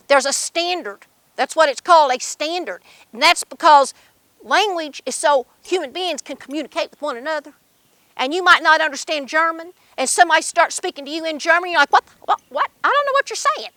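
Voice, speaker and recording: An older woman with a strong, bright voice pitched high and an Appalachian accent. She tells stories and reminisces in a folksy, emphatic manner, in a dry, close sound. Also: a little fast, dry recording. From Appalachian Mountains, Kentucky, USA. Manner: folksy, emphatic, uses dialect grammar. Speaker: storyteller. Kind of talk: live oral storytelling and personal reminiscence.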